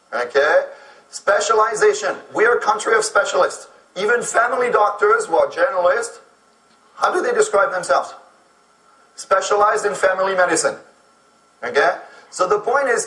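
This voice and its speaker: High bright man lecturing in an echoey room. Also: recorded from a distance. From France. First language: French. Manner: explanatory, keeps asking "okay?". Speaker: speaker on immigrant employment. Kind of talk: lecture to an audience.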